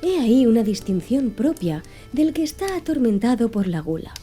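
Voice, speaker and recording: Over soft background music, a woman with a fairly high, sing-song, mellow voice speaks at normal speed as Conseil, an earnest, pedantic man reciting fish classifications. In this audiobook character dialogue, she lectures with didactic precision in a patient tone.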